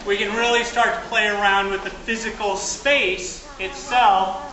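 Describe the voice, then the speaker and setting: A man's voice: high voice, steady tone, measured pace, sharp tone. A man giving a live, instructional demonstration as a fight director, talking to an audience and a partner while physically active. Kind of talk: live stage combat demonstration. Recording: echoey, noisy space, distant mic.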